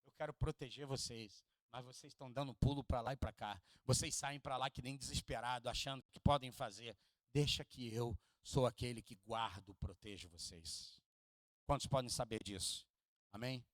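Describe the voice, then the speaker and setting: In a church hall, a Rio de Janeiro pastor with a Carioca accent delivers his sermon at moderate speed, swinging between quiet, low asides and loud, high peaks. He jokes with the congregation and asks them to echo his lines back. No room sound is audible.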